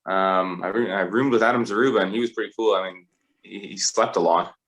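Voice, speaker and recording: Young guy with a really low voice, laid back rugby chat, lots of uhs. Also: fairly quick, a bit bright. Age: 20s. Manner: easygoing, rambling with frequent fillers. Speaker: rugby player guest. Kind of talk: casual interview chat.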